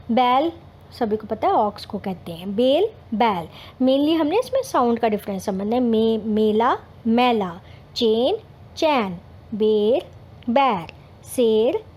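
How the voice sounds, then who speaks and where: A woman's voice: fairly high pitch, dark tone, breathy edge. A woman teaching children Hindi vowel signs, sounding out syllables patiently and explaining words, mixing in English terms. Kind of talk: slow, careful Hindi lesson for children.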